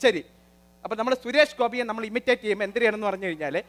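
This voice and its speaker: A man hosting a live comedy show, talking to the audience in a lively, bossy manner and lecturing his sidekick. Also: sits high, rapid-fire. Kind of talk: live stage comedy and mimicry.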